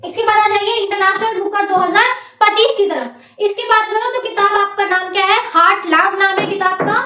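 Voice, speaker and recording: A young woman with an Indian accent teaching an exam-prep class, speaking loudly and checking in often with her students. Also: very high-pitched, steady tone, normal speed, echoey room, far from the mic, low-quality recording. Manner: talks loudly over background noise, many "theek hai" checks. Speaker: coaching teacher. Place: teaching room near construction work.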